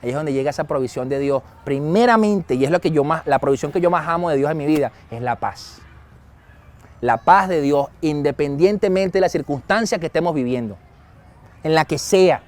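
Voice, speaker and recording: A man preaching a sermon as pastor, lively and acting out quoted dialogue. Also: a little high, moderate pace. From Venezuela. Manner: lively, acts out quoted dialogue and chuckles often.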